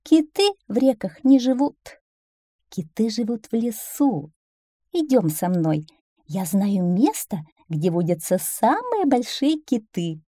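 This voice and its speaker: A cunning storybook fox who coaxes her prey with fake kindness and light mockery, acted out by a woman reading aloud. Her voice is mellow and soft-edged, and it swoops lively up and down. The sound is dry. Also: on the high side, slow, no echo, pitched above the performer's own voice, full character voice. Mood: sly. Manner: coaxing, mocking, falsely kind. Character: sly sweet-talking female fox, a cunning predator.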